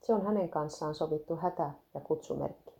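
A woman reading the lines of a stubborn male fisherman, with short gruff orders. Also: sits low, mellow. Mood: urgent.

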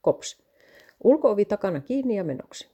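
A woman reading a humorous story aloud in a plain, steady way and voicing all the characters herself. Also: mid-range voice, slightly rough.

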